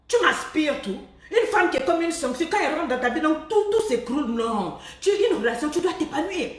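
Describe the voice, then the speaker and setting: Laughing, high-voiced woman coaching in an echoey room. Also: fairly quick, distant mic. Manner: animated and preachy, laughing often, mimicking people. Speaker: love coach. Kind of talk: live-streamed motivational talk.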